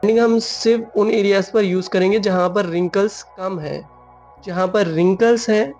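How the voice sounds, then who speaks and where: A man talks through a drawing tutorial as a voice-over, moving between Hindi and English. He often pauses on fillers and restarts his phrases. His voice sits a little high, with faint music playing under it. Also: lo-fi sound.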